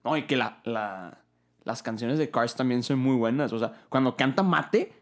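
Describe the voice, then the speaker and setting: A man's voice: medium pitch, lively intonation, moderate pace. Playful young Mexican man co-hosting. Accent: Mexican Spanish. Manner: playful, joking, speeds up on asides. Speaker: podcast co-host and fan dubber. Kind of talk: casual chat.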